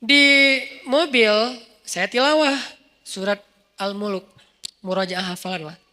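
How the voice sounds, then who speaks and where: A man preaching in a casual, storytelling sermon, acting out dialogue with sudden jumps in pitch. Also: expressive, a little slow, sharp tone. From Indonesia.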